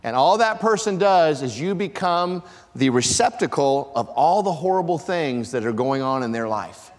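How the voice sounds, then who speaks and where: A man preaching a sermon, his voice sitting a little high. He drives his points home with emphasis and sometimes breaks into shouts. His words ring out with a long reverb from a large church hall. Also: animated, moderate pace. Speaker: pastor.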